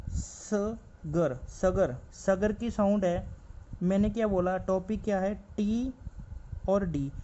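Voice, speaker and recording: Slow, patient male shorthand teacher. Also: high voice, warm tone. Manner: slow and patient, repeats each word several times. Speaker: stenography teacher. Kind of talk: shorthand lesson, explaining while writing. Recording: slightly dull lo-fi recording with faint background noise.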